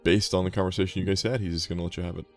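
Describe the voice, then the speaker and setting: A man narrating as game master of a tabletop game over a voice call, relaxed with hesitant restarts. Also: low voice, rapid-fire, faint music behind.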